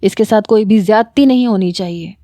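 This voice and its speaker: A woman's voice: mid-range voice, dark tone, no room sound, studio quality, close to an everyday voice. A woman voicing a stern, protective elderly uncle who scolds firmly.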